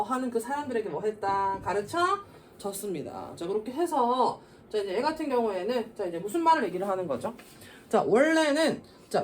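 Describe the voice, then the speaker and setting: Lively woman teacher, heard from a distance. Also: on the high side. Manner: animated, asks and answers her own questions, keeps saying "자". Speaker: English teacher. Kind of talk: classroom lecture explaining a reading passage. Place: classroom. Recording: distant mic with faint noise.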